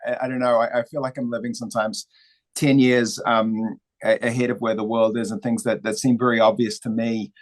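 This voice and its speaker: A man's voice: medium pitch, little pitch movement, a little fast, poor audio. A man from New Zealand with a New Zealand accent, talking as a guest in an interview in a thoughtful, reflective way. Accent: New Zealand, slightly Australian or American. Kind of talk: interview conversation.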